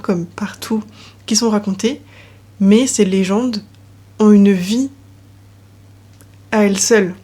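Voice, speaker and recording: Breathy young woman chatting about books. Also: mid-range voice. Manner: chatty, with soft trailing asides. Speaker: book vlogger. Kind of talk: casual chat presenting books. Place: at home in front of bookshelves.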